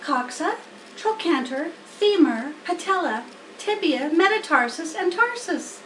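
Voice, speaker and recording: A woman's voice: extremely high pitch, animated, measured pace, fairly bright tone, voice pushed up, heavily acted. A woman voicing a wise, matter-of-fact female spider in a storybook, patiently instructive and a little wry. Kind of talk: storybook character voice. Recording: roomy, distant mic, faint noise.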